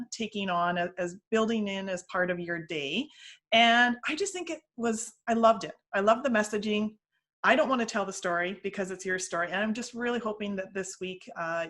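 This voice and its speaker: A woman co-hosting a casual chat show, talking at an average pitch. She is chatty and friendly, quick to laugh, and speaks as if to a close friend. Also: a bit bright. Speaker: co-host.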